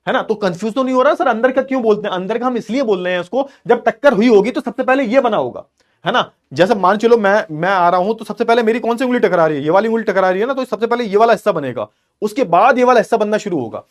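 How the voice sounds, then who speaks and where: A male teacher rushes through an exam-prep lecture at a quick clip, his voice pitched high. He keeps repeating key terms and firing rhetorical questions at the class. He urges students to keep up while he sketches on the board. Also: lively intonation. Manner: explains while drawing on a board.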